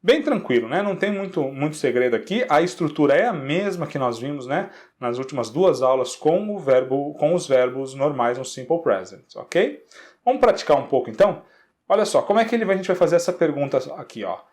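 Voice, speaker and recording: Brazilian guy teaching english, bouncy voice, slows way down on the example sentences. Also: fairly high pitch, lively intonation, a little mellow. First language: Portuguese. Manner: slows down to model English example sentences, repeats with tag questions. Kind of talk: lesson explaining grammar.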